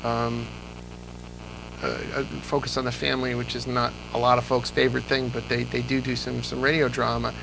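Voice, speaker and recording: A middle-aged man, an old-time radio fan appearing as an interview guest, chats casually and tells anecdotes with enthusiasm, emphatically repeating words. His gravelly mid-range voice keeps a level tone at a fairly quick pace, with background noise behind him.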